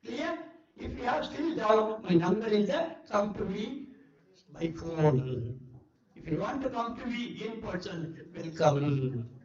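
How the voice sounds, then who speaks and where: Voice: medium pitch, big pitch swings, slow, crowd noise. An older former teacher with an Indian English accent talks through number puzzles in a drilling, repetitive classroom manner. The voice sits mid-range and sounds distant in a roomy, echoing hotel hall. The pickup is dull and lo-fi. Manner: repetitive, drilling, asks "clear?" often. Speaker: former teacher giving a talk. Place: large hotel event hall.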